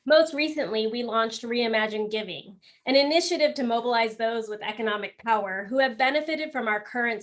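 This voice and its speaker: A woman's voice: fairly high pitch, fairly bright tone. A woman moderating an online panel, reading an upbeat scripted introduction. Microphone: video call.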